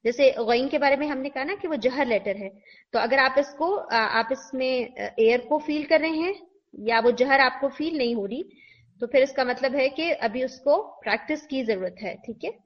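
A woman teacher, giving a recorded pronunciation lesson, patiently demonstrating sounds and repeating examples slowly. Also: sits high. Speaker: tajweed teacher. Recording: dull lo-fi recording.

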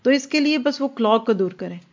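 A woman's voice: a little high, animated, darkish tone. Earnest woman giving a religious lecture. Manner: earnest, explanatory, acts out quoted dialogue; mixes English words into her speech. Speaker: religious teacher. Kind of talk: Islamic lecture. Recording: dull lo-fi recording.

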